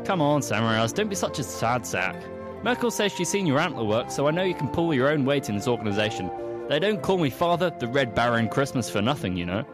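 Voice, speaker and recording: A man's voice: mid-range voice, sing-song, quick pace, over music, natural voice. A man playing a grumpy, old-fashioned sleigh driver who talks in an exasperated, bossy way.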